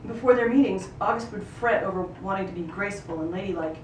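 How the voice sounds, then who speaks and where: A woman reads quickly from a novel in front of a live audience, her medium-pitched voice expressive as she tells the story in the third person, stumbling now and then. Sound is roomy and noisy, taken from a distant microphone.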